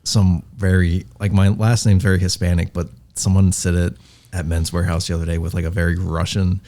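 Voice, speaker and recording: A man's voice: low-pitched, flat delivery, brisk, mellow. A man appearing as a podcast guest, talking in an easygoing, agreeable way in casual chat. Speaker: guest video editor.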